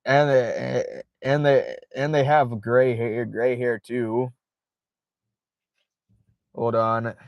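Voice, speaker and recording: A man's voice: medium pitch, little pitch movement, drawn-out words, vocal fry, pauses often, dry recording, muffled recording. A man hosting a casual late-night livestream from inside his car, reading viewer chat aloud, swearing freely and laughing often. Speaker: livestream host.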